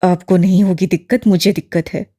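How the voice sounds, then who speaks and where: A woman's voice: lowish voice, normal speed, pitched below the performer's own voice, lightly acted. A woman doing a curt, sullen young man. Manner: flat, clipped and displeased. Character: wounded young man, curt, resentful and withdrawn.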